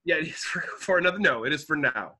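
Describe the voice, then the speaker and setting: A man with a fairly high, sharp and bright voice, chatting on a podcast with co-hosts. He thinks out loud, speculating and restarting his sentences as he goes. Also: expressive, fast, breathy edge. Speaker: podcast co-host. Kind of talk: casual podcast chat.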